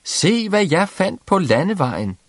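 A man voicing a cheerful, simple-minded young peasant who shouts merrily. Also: high voice, big pitch swings, dry recording, voice pushed up, heavily acted. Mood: exuberant.

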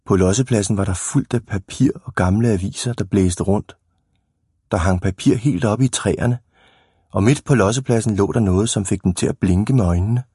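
A man reading a children's book aloud in a calm, even storytelling manner. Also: lowish voice, breathy edge, dry recording, studio quality.

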